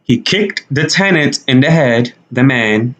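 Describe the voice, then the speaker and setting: A man's voice: medium pitch, animated, a little slow, fairly bright tone, dull audio. A young man with a mid-range voice comments on the news as a YouTuber. His delivery is conversational and slangy, as in a casual vlog recorded indoors. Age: young adult. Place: small indoor room.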